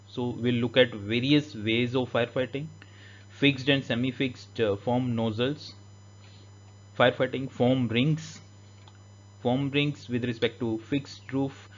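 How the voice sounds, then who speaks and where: A man's voice: medium pitch, dull audio. A man giving a voice-over overview of an online engineering course, listing topics steadily with frequent fillers.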